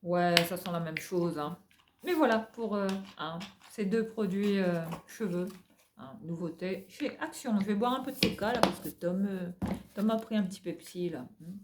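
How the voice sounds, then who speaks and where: A woman's voice: mid-range voice, normal speed, background noise. A woman with a French accent chatting through a product haul, gushing over finds and tagging nearly every phrase with a filler. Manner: chatty, tags most phrases with "hein". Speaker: haul vlogger. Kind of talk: casual product haul chat.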